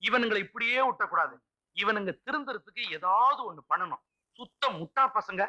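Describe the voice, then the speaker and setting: A man's voice: high-pitched, lively intonation, normal speed, bright, forceful tone, muffled recording, heavily acted. An angry scolding village headman. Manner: scolding, exasperated. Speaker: village president. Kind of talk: film comedy dialogue.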